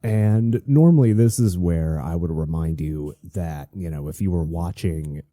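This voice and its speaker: Male solo show host: low, dark and slightly stuffy, casual confessional delivery with halting restarts. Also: no echo, clean studio sound.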